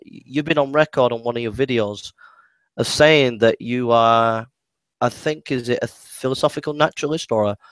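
Man, mid-pitched, halting and repetitive, debating, dry close sound. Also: fairly bright tone, clear, resonant tone, dry recording. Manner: hesitant, many restarts and repeated words. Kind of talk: casual debate.

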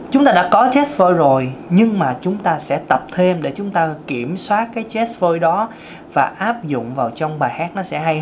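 A man's voice: a little high, slight background noise. A man with a thin, light tenor voice, chatting casually through a singing lesson, joking about himself and singing scales. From Vietnam. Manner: chatty, self-joking, sings scales in demonstration. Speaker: singing teacher.

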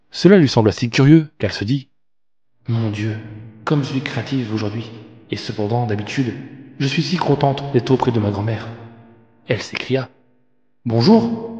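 A man reading classic fairy tales aloud as a storyteller, with expressive, animated narration. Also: medium pitch, husky, dull audio. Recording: long reverb, faint background music.

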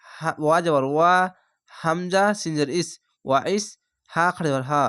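Male teacher, spelled-out recitation lesson; patient, methodical, clear resonant tone. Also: on the high side, moderate pace, fairly bright tone. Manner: patient, spells each letter and vowel, then blends the syllables. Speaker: Quran reading teacher.

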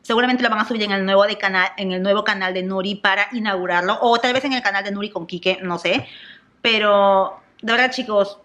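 A young adult woman from Peru with a Peruvian Spanish accent, chatting excitedly in a casual gossip vlog and dropping English exclamations. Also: mid-range voice, brisk. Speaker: celebrity gossip vlogger.

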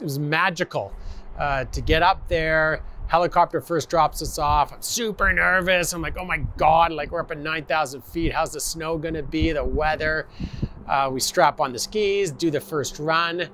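A man in his forties, a skier, recounting his day in an outdoor interview, halting with many fillers, on a lapel mic. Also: a little high, sharp tone, slight background noise. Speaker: blind skier. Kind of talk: interview recollection. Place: outdoors by forest.

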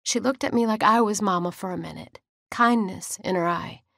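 A woman's voice: mid-range voice, moderate pace, gravelly, fairly bright tone, dry recording, clean studio sound. A woman with a drawl, narrating an audiobook in first person in a folksy way.

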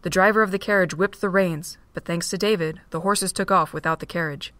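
Her low voice narrates a fan-made audio drama fairly quickly, with steady, plain delivery. The sound is close and dry, with no surrounding room and no echo.

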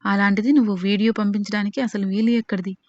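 A woman's voice: medium pitch, little pitch movement, fast, darkish tone, no echo, close to an everyday voice. A woman voicing a scheming middle-aged man who mocks and dismisses others, in a dull lo-fi recording. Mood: scornful. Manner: mocking, dismissive.

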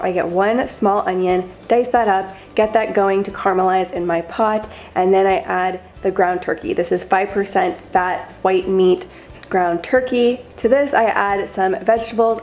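A woman's voice: medium pitch, a little mellow, roomy sound. A young woman vlogger talking through her cooking steps in a chatty, upbeat voice-over. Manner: upbeat, chatty, step-by-step instructions. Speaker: lifestyle vlogger. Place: home kitchen.

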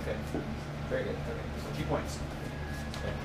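A man's voice: a little fast, far from the mic. Man teaching martial arts in an echoey dojo. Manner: talks while demonstrating moves, with sound effects. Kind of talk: hands-on class instruction. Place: garage dojo with mats, indoors. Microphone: far camera. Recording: echoey room, heard from afar, loud noise.

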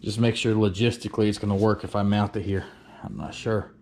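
In casual workshop vlog narration, a plainspoken man works through a woodworking job out loud, using fillers and cursing mildly now and then. His fairly low voice is a little fast and a little mellow, with fairly even intonation and slight background noise.

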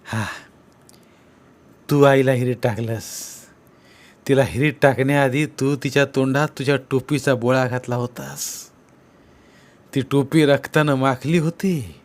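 A man's voice: mid-range voice, steady tone, unhurried, pauses often, close to an everyday voice. A man doing a sly, needling village headman. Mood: cold. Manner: probing, needling questions.

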